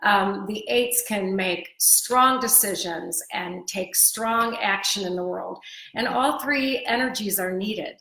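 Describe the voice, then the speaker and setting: A woman's voice: medium pitch, slow pace, gravelly, bright, forceful tone. Woman explaining a book on a live stream. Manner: explanatory, teaching tone. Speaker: co-host and author. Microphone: live video stream. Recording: roomy echo.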